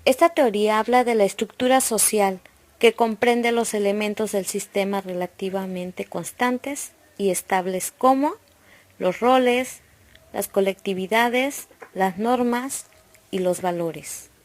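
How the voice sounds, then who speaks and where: A woman narrating a scripted educational lesson, reading points aloud in a steady, listing manner. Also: medium pitch, measured pace. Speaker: presenter of an educational video.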